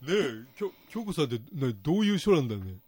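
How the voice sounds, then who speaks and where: Chatty host with a Niigata accent. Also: male voice, on the high side, very animated, darkish tone, slightly rough, no echo, studio quality. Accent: Niigata dialect. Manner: chatty, halting restarts. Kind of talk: radio lesson chat.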